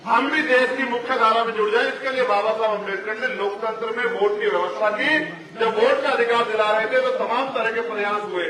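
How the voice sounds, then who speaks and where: Male rally speaker, very high voice, heavy echo through loudspeakers, from afar with a big crowd around. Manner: impassioned oratory, breaks off to direct the crowd. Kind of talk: political rally speech. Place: outdoor election rally. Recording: echoey loudspeaker sound from far off with crowd noise. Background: large crowd.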